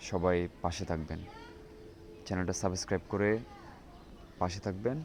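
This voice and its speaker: A man teaching an English pronunciation lesson, going slowly through the alphabet letter by letter. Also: deep voice, fairly even intonation, background noise. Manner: slow, spells out letters one by one. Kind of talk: spoken language lesson.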